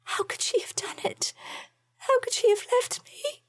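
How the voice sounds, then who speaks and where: A woman voicing a grieving young woman who whispers and sobs in a high, breathy voice. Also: measured pace. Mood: heartbroken.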